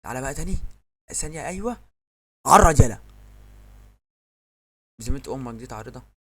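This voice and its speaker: A man with an Egyptian accent giving excitable live commentary on his own football video game, yelling at the referee and his players. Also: medium pitch, racing. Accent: Egyptian Arabic. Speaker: gamer.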